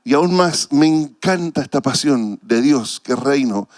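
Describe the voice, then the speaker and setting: A man's voice: mid-range voice, animated, measured pace, darkish tone, dry recording, clean studio sound. A man with a Chilean Spanish accent preaching a sermon as pastor, earnest and emotional, repeating phrases for weight.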